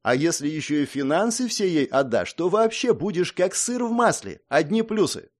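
A cheeky young highlander, put on by a man reading a storybook aloud, speaks in a high, bouncing voice. He teases and lectures with drawn-out exclamations and swaggering confidence. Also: big pitch swings. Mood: teasing.

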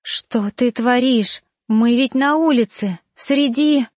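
A woman voicing a frightened, defiant young woman in a storybook reading, with high, breathless, pleading cries. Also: slow pace, darkish tone, dry recording, studio quality. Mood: panicked pleading.

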